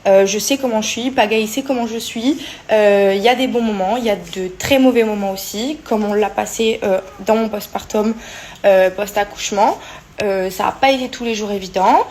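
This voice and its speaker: A woman's voice: medium pitch, normal speed, darkish tone, slight background noise. A young woman vlogging casually, talking with many hesitations and fillers. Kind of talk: casual vlog chat.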